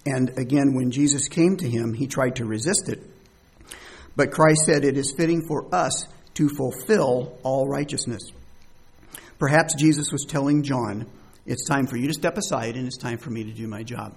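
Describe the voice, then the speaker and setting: Reading verses and throwing out rhetorical questions, a man preaches in a conversational way during a sermon or bible study. His pitch is medium, with a breathy edge to it.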